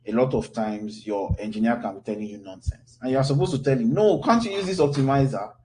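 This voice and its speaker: Talking fast in a medium-pitched, dark-toned voice, a Nigerian man in his thirties handles questions as the instructor of a casual online class. He keeps it loose and conversational, restarting often and using many fillers. The audio quality is poor.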